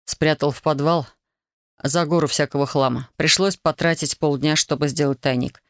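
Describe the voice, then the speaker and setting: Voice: mid-range voice, steady tone, normal speed, fairly bright tone, no room sound, close to an everyday voice. A reader voicing a young soldier husband, earnest and remorseful, in a dry audiobook recording.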